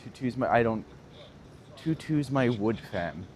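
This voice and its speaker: Out on a city street with faint traffic in the background, a thirtysomething tour guide with a Northern Ontario accent livestreams his walk, laughing and answering viewers in casual chat. He speaks at a measured pace in a medium pitch, with lively intonation and a somewhat dark tone.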